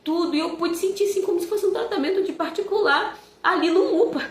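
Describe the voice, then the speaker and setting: A woman's voice: extremely high pitch, fast. A young woman telling a personal faith testimony in an earnest, emotional way, often asking "sabe?". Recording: echoey room with faint noise.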